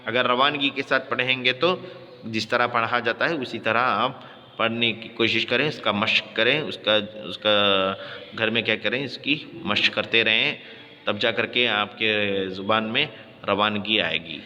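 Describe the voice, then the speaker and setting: A man leads a recitation lesson, chanting each letter and vowel sound in a drawn-out sing-song before rattling through the explanations. His voice is bright and forceful, and a long reverb trails behind it. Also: on the low side, dull audio. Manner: spells letters and vowels in a slow sung chant, then explains quickly. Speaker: Quran recitation teacher. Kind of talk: tajweed lesson with chanted spelling drills.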